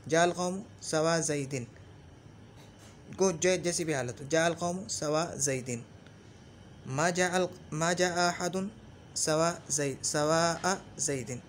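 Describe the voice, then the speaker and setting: A man gives a patient grammar lesson, saying each example phrase over and over and pausing to check that the student follows. His voice sits a little high for a man. A faint hiss runs under the recording. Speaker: Arabic grammar teacher. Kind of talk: explanatory lesson.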